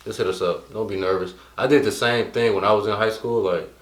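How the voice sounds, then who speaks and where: A man's voice: fairly low pitch, fairly even intonation, a little fast. A young man co-hosting a casual fitness chat in an easygoing, joking way. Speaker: co-host. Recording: echoey room.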